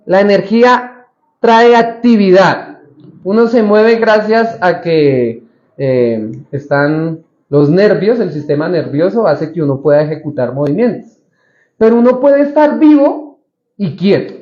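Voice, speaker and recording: Slow, high-voiced pastor in an echoing church. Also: male voice, animated, darkish tone. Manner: conversational, asks the congregation questions; acts out the Bible figures' lines in quoted voices. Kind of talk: sermon. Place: church hall. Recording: roomy, slightly dull church recording.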